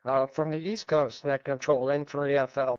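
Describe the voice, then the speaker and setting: Ham net control guy over the radio, smooth clear voice, dull lo-fi sound, rambles a bit. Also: mid-range voice, flat delivery, normal speed, no echo. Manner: easygoing, rambling with restarts. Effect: heard over a ham radio transmission. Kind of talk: running an amateur radio net.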